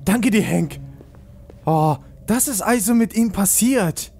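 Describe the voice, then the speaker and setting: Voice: mid-range voice, animated, takes it slowly, darkish tone, slight background noise. A let's player giving casual gameplay commentary, reacting aloud and talking to viewers.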